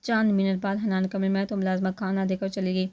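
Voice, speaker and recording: A woman reading a romance novel aloud at a steady, even pace. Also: mid-range voice, fairly quick, clear, resonant tone. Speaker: narrator.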